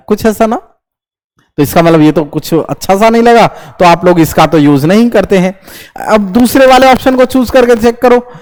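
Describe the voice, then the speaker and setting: High-voiced Hindi grammar teacher. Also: male voice. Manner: asks students quick questions and answers them himself; lively, repeats checks like "understood?". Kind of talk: classroom lecture.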